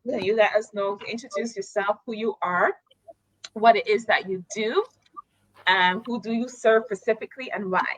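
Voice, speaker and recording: A woman's voice: medium pitch, steady tone, normal speed, a bit bright, no room sound. Upbeat woman hosting a live show. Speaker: talk show host and coach. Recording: dull, dry sound.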